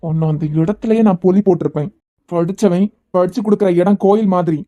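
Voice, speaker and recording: A woman's voice: lowish voice, fast talker, highs cut off, lightly acted. A woman voicing a protective, hot-tempered young father in a cartoon series, with a Kanyakumari Tamil accent. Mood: threatening. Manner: forceful, reassuring to family.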